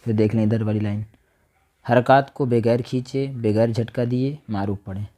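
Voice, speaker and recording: A man teaching a recorded Quran reading lesson, sounding out each letter and vowel slowly and checking with his listeners as he goes. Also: fairly low pitch, fairly even intonation, dark tone. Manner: slow, careful demonstration of each sound, often asks "theek?".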